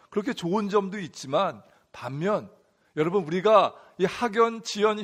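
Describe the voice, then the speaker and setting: A man's voice: on the high side, fairly bright tone. A man pastor preaching a sermon in a church, telling humorous stories and addressing the congregation directly. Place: church sanctuary.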